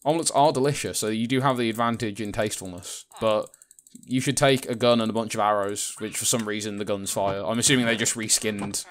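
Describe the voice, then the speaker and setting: A man's voice: lowish voice, steady tone, fairly quick, few pauses, a little hiss or hum. A British man co-hosting a casual let's-play, rambling and joking, laughing often and swearing casually. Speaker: gaming channel co-host.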